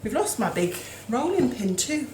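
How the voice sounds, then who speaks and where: A woman's voice: a little high, very animated, moderate pace, reverberant, noisy background. A woman hosting a casual home cooking show, chatty and self-deprecating, talking as she works in her kitchen.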